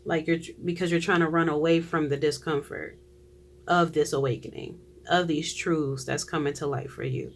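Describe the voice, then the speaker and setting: Chatty tarot reader doing a reading for viewers, loose and rambly, laughs a lot, middle pitch. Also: steady tone, normal speed, a little hiss or hum. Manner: chatty, trails off and restarts, laughs often.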